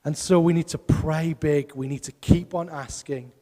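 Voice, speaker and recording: A man's voice: a little high, fairly even intonation, moderate pace, dark tone, big-room sound. A man preaching a sermon as pastor, emphatic and putting rhetorical questions to his congregation. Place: church hall.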